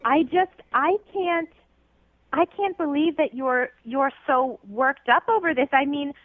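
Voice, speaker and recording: Female caller, high voice, phone sound, slow and hesitant. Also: no room sound. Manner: flustered, hesitant, apologetic. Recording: tinny phone line.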